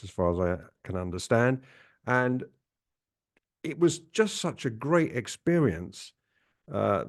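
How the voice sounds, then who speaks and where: A man's voice: lowish voice, a little mellow. An older man hosting a podcast, telling a rambling personal story with many fillers, restarts and hesitations. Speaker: podcast host. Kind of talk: casual monologue.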